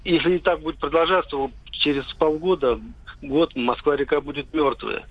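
A man's voice: on the high side, normal speed. Worried man calling in by phone. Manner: worried, stumbling over words with restarts. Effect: caller heard over a phone line into the studio. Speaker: radio show caller. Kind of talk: phoning in a complaint on air. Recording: dull, muffled phone-line sound.

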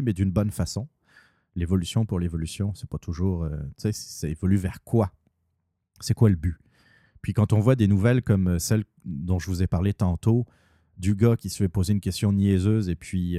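A man's voice: low voice, warm tone, dry recording, studio quality. A man with a Québécois accent hosting his own podcast, talking casually with many fillers and restarts. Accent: Québécois French. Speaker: podcast host. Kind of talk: casual solo podcast talk.

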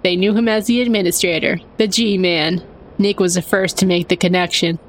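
A woman's voice: on the low side, steady tone, moderate pace. A woman reading a comic story aloud as its dramatic narrator.

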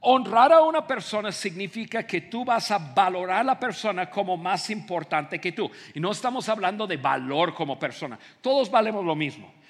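A man preaches to an auditorium, his voice sitting high and carrying a long reverberant tail from the hall. He acts out everyday scenes with lively energy and often stumbles into repeated words. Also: moderate pace. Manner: animated, acts out scenes, frequent stammered repeats. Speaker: pastor. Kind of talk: sermon. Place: large auditorium.

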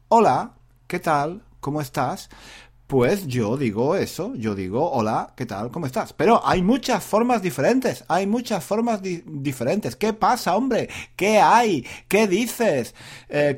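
Chatty teacher, lively voice. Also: male voice, medium pitch. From Spain. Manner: chatty, repeats phrases, laughs often. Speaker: Spanish teacher. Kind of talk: casual spoken lesson.

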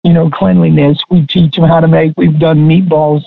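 A man's voice: a little high, flat delivery, creaky, no room sound, narrow, tinny audio. A man, a guest chef, talking casually in an interview and restarting his sentences often. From Texas. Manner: halting, many restarts.

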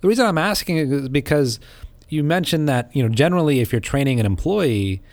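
A man's voice: fairly high pitch, lively intonation, fairly quick, darkish tone, no room sound. A man co-hosting a podcast in a casual, conversational way, asking questions and adding comments. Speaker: podcast co-host.

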